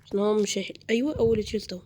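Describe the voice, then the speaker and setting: Excitable Egyptian gamer, fast and high. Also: male voice, a little hiss or hum. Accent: Egyptian Arabic. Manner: excitable, yelping, chattering to viewers. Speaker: gaming video creator. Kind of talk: live gameplay commentary.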